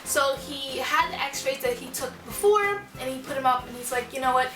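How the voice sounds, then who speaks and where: A woman's voice: sits high, lively intonation, moderate pace. A young adult woman telling a personal story in a casual, informal, rambling way, often repeating words for emphasis. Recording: echoey room, distant mic, music behind.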